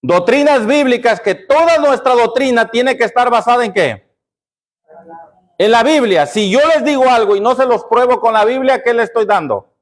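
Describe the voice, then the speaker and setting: A male pastor with a very high-pitched voice preaches a sermon at normal speed. He keeps putting questions to the congregation and answering them himself in a call-and-response style.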